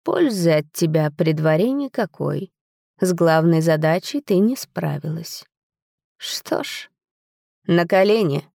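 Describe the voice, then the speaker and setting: A woman's voice: lowish voice, animated, gravelly, a little mellow, no room sound, studio quality, full character voice. A woman reading a cold, commanding dragon husband. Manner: slow, drawn-out, commanding. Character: cold domineering male dragon king husband.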